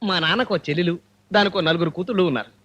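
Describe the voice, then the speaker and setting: A fast-talking scheming con man. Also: sits high, a bit bright. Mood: smooth-talking. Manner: fast, wheedling excuse-making. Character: scheming male con man dodging lenders. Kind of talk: Telugu film comedy scene.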